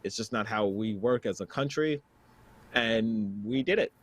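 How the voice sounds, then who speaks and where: Low-voiced man, dry close mic. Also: no echo. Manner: reads news aloud then comments, measured. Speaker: podcast co-host. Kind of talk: casual political discussion.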